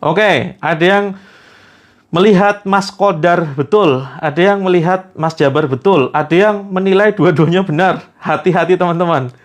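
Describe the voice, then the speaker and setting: Male preacher, storytelling sermon, animated, slightly high voice. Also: moderate pace. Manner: animated, frequent tag questions. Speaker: Islamic preacher.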